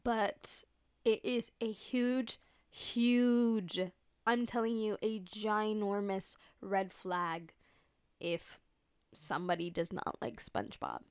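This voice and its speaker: A woman's voice: medium pitch, takes it slowly, smooth, dry recording, clean studio sound. A young adult woman hosting a casual solo podcast, talking in a slangy, profane, filler-heavy way with dramatic emphasis. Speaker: podcast host. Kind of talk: casual solo chatty monologue.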